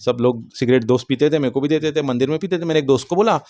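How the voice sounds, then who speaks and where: A man giving a personal testimony in an animated way, acting out the dialogue. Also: medium pitch, racing. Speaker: testimony speaker.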